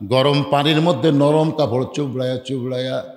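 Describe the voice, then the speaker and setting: A man preaching in a Bangladeshi Bengali accent, telling stories in a drawn-out sing-song chant and breaking into loud shouts at a large religious gathering. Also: mid-range voice, fairly even intonation. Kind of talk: fiery sermon with chanted storytelling. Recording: echoey hall reverb.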